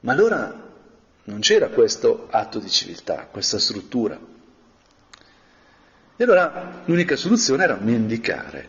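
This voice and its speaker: A man giving a reflective spoken meditation as a preacher, talking slowly and thoughtfully with frequent pauses. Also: mid-range voice, huge pitch swings, creaky. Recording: dull, reverberant audio.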